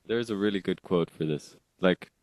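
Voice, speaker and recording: A man hosts a casual podcast and muses aloud, often pausing to hunt for the right word. His voice is very deep, and the sound is close and dry with no room around it. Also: darkish tone, dry recording. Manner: musing, searches for words. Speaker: podcast host.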